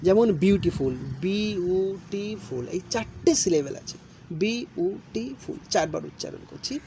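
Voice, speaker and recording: A male teacher walks students through grammar rules, his voice rising and falling with lively emphasis. He repeats each point patiently and speaks into a close mic. A faint hiss of noise sits underneath. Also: a little high, creaky. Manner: patient, repeats and explains each rule slowly. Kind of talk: recorded online lesson.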